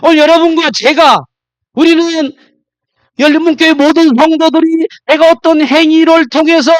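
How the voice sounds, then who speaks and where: A male pastor preaching a sermon, quizzing the congregation directly and swinging between loud emphatic lines and low confiding ones. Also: fairly even intonation, normal speed, no echo.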